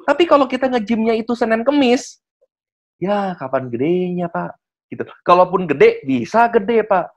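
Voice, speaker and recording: A man's voice: sits high, animated, moderate pace. A man, guest speaker in a casual online presentation, who acts out sales dialogues and keeps addressing the listener politely. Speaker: guest speaker on network marketing. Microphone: video call. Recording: muffled online call audio.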